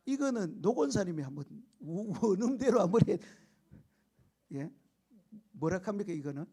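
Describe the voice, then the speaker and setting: A male pastor preaching a lively sermon, often asking the congregation questions and acting out the quotes he tells. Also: sits high, moderate pace, breathy edge. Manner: animated storytelling with shouted quotes and laughter; keeps prompting the congregation for answers.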